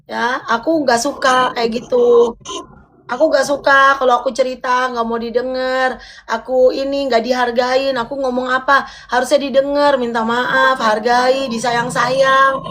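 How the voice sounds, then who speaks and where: A woman's voice: high voice, flat delivery, a little slow, a bit bright. A woman arguing heatedly on a livestream, scolding and repeating her demands over and over. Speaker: livestream co-host.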